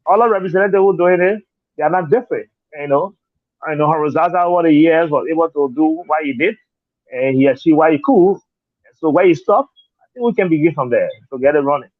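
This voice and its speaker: Over a tinny, dry phone line with no echo, a Liberian-accented man answers interview questions as a political candidate. His voice is fairly high and brisk, and he comes across as earnest, repeating words and leaning heavily on "you know."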